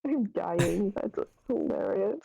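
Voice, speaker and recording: A woman's voice: medium pitch, lively intonation, takes it slowly, creaky, warm tone, breathy edge, no room sound, dull audio. A woman in a tabletop game reacting with amused exclamations. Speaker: player.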